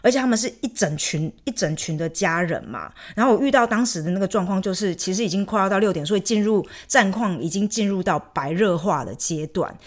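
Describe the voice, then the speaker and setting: A young woman vlogger telling a story in casual chat, animated and indignant, acting out her arguments. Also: medium pitch, fairly quick, few pauses.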